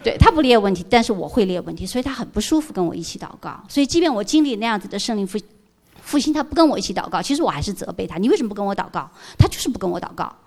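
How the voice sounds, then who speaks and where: A woman's voice: mid-range voice, animated, racing, a little mellow. A middle-aged woman giving an emotional church testimony, telling her story earnestly and dropping in English words.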